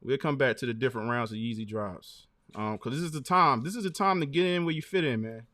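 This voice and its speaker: A man's voice: mid-range voice, quick pace, no room sound. Laid-back slangy man, dry sound. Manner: laughs a lot, relaxed slangy banter. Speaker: host. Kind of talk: casual sneaker-news chat.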